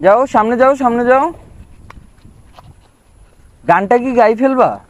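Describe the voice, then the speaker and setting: A man talking gently and playfully with his young nephew during a bike ride outdoors. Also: very high-pitched, slow pace. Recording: dull lo-fi outdoor sound.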